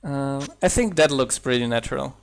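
There's background noise behind this gravelly, medium-pitched voice moving at a moderate pace. It belongs to a young mod developer, a German native with a faint accent, who chats and thinks out loud during a casual live stream of a building game.

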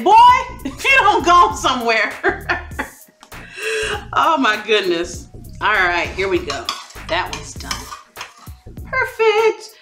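Lively, bright-voiced woman cooking on camera. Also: fairly high pitch. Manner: chatty, encouraging, laughs between steps. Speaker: cooking show host. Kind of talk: cooking demonstration. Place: home kitchen, indoors. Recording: echoey kitchen with soft background music.

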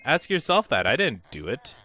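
A young man hosting casual gameplay commentary, joking and laughing often, with excitable bursts. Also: mid-range voice, normal speed. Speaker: gaming channel host.

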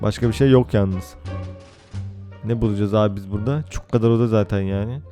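A young man giving casual, excitable gameplay commentary, swearing and laughing often. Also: fairly low pitch, brisk, soft background music. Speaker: gaming YouTuber.

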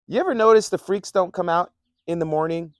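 A man's voice: sits high, fairly quick, no room sound, clean studio sound. A man preaching a casual, conversational sermon, often repeating himself and chuckling between points. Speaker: pastor.

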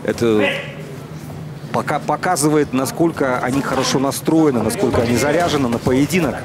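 A man's voice: medium pitch, a little fast, over a noisy crowd. A man giving conversational live boxing commentary, chatting with a colleague.

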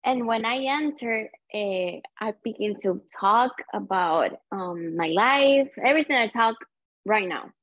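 A woman, talking slowly and earnestly in an interview, often stopping and searching for words. The recording is dry and a little dull. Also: mid-range voice, dry recording. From Cuba. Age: 30s. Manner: earnest, halting non-native English with many fillers. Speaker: guest. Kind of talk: personal storytelling interview.

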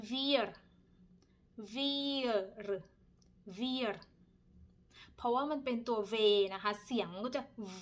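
Woman teacher, thirties, patient pronunciation drill with a slightly high voice. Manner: slow, repeats each word several times; polite, ends phrases with soft particles. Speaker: language teacher. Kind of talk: pronunciation lesson.

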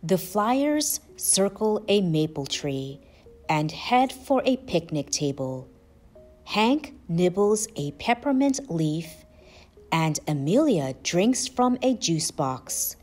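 A female storyteller, who also hosts the channel, reads aloud to children over soft music. Her voice is lowish, unhurried, and lively in pitch.

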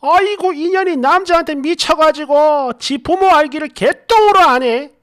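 Man putting on a shrill spiteful mother. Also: big pitch swings, measured pace, dry recording, studio quality, heavily acted. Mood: screeching. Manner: shrill, scornful scolding. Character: older female mother, sneering and spiteful.

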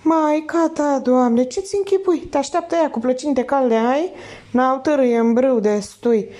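A woman's voice: high-pitched, mellow, voice pushed up, close to an everyday voice. A woman reading aloud and voicing a brash, mocking male thief who talks in street slang. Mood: scoffing.

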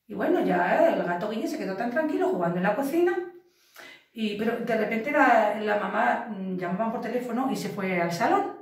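A woman teacher telling a story to young children in a lively way, adding playful sound effects, recorded echoey from a distance. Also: on the high side, fairly quick. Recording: echoey room from far off.

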